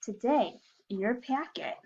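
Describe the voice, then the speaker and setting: A woman teacher reading and giving lesson instructions to young children in a singsong, simple, deliberate way. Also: a little high, expressive, darkish tone, muffled recording. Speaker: early-years teacher.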